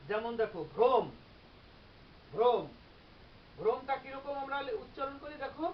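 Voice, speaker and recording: A teacher giving a grammar lecture, explaining step by step and repeating example words slowly. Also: high-pitched. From Bangladesh. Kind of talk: classroom-style grammar lecture. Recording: slightly dull recording with faint hiss.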